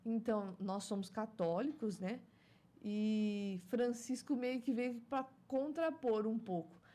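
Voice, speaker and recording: Chatty woman, higher voice. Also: takes it slowly, warm tone. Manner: chatty, laughs often, religious reflections. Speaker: guest mother. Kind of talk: casual chat.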